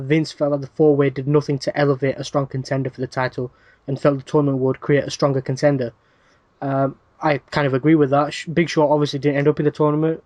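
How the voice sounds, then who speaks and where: A man's voice: medium pitch, a little mellow, no room sound, lo-fi sound. A man hosting a wrestling podcast, reading news items in a casual rundown with dry asides and plenty of "uh" fillers.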